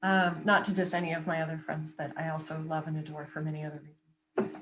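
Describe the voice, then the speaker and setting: A woman's voice: deep voice, noisy background. A woman who works as a voice coach, talking animatedly and emphatically in a casual interview. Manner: animated, emphatic, quick asides. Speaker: voice coach and guest.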